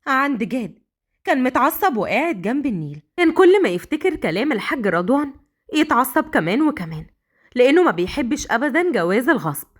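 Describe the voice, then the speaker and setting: Egyptian lady telling a story, lively and up-and-down. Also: high voice, quick pace. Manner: lively, dramatic. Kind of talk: dramatic story narration.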